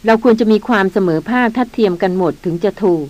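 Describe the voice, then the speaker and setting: A woman's voice: medium pitch, quick pace, darkish tone, close to an everyday voice. A woman narrator voicing a proud, independent young woman adventurer who speaks earnestly and insistently in an audiobook.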